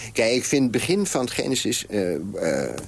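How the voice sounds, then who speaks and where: A man, the author, reading his own story in a calm, deliberate way and then talking about it on radio. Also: mid-range voice, creaky, husky.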